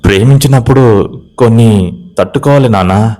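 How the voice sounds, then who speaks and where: A man's voice: mid-range voice, fairly quick, warm tone, lightly acted. A man voicing a playful young village woman in a spoken ghost story. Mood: coaxing. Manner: playful, scolding and coaxing.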